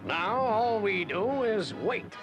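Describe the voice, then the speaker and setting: Stern commander, retro puppet series: gravelly, clipped orders, high animated voice over music. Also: male voice, slow, lo-fi sound, full character voice. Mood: resolute. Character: stern, vigilant male military commander. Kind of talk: 1960s puppet adventure series acting.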